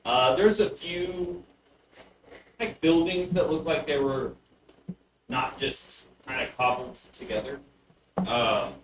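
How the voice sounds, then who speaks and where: A man improvising narration as the game master of a tabletop game, with casual, halting descriptions. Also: mid-range voice. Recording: roomy, distant mic with faint noise.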